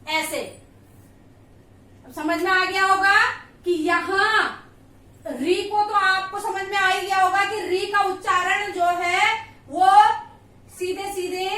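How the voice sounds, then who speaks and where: High-voiced woman teaching in an echoey room. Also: sharp tone, distant mic. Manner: patient, repeats sounds slowly and asks checking questions. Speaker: Hindi grammar teacher. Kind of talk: classroom lesson.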